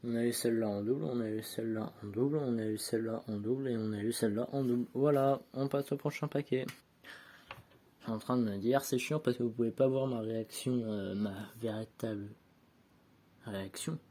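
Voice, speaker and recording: A man with a mellow, medium-pitched voice talks fairly quickly as he opens sticker packs for his viewers. It's a rambling, casual unboxing at home where he sorts each card aloud and makes fun of himself. He records on a handheld phone without a tripod.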